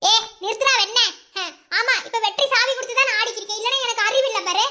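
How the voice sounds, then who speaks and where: A woman plays a proud young collector in a cartoon, scolding her brother with firm contempt in a Madurai Tamil accent. The voice is very high, pushed down a little to sound stern and weighty. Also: fairly even intonation, very fast, bright, forceful tone, slight background noise. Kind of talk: cartoon dub acting.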